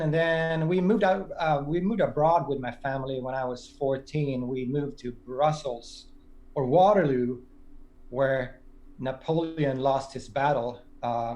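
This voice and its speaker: A man's voice: on the high side, darkish tone. A man in his forties from Sweden, a podcast guest talking casually and thoughtfully, with many restarts and fillers. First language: Swedish. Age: 40s. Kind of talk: casual conversation.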